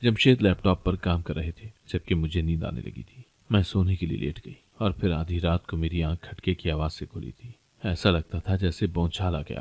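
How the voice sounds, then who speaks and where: A man giving a steady, scripted narration of a moral story as a storyteller. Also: low-pitched, no echo.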